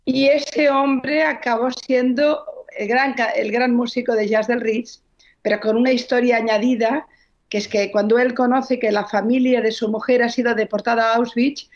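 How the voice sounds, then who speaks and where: A woman speaks in a slightly high voice, recounting history as an author in an interview. She talks fluently and earnestly, stopping now and then to correct herself. The recording is dull and lo-fi. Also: fairly even intonation, moderate pace. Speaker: novelist guest. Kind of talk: interview answers, storytelling.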